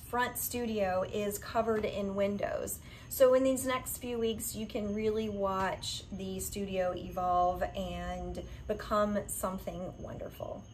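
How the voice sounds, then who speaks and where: A woman's voice: medium pitch, a little hiss or hum, low-quality recording. A woman in her forties, a yoga studio owner, giving a heartfelt direct-to-camera update from a covered outdoor patio, recorded on a camera at arm's length. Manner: warm, heartfelt, earnest.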